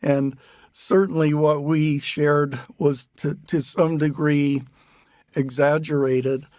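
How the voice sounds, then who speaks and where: A man's voice: a little high, level tone, slow pace, no room sound. An older man hosting a podcast interview, talking in an easygoing, good-humored way and often restarting his phrases. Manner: warm-humored, laughs easily, restarts phrases. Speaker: podcast host and writer. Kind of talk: relaxed conversational interview.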